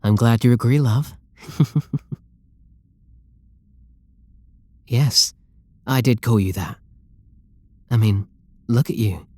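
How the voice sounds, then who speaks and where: Taking it slowly, a British man with a natural, mellow, medium-pitched voice and no echo plays an obsessive, possessive, lovestruck game developer in an intimate roleplay audio drama. Doting and controlling, he sounds adoring and intimate, with pleading endearments.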